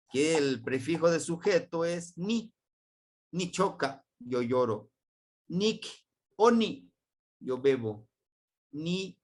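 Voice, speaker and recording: A man with a Mexican Spanish accent teaching a language class, repeating words slowly and quizzing his students. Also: mid-range voice. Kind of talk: classroom grammar lesson.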